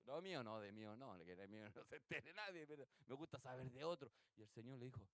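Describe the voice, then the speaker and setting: A man's voice: medium pitch, quick pace, no room sound. A male pastor with a Chilean accent giving a sermon in a church, telling stories and asking the congregation rhetorical questions. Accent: Chilean Spanish. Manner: animated storytelling with rhetorical questions.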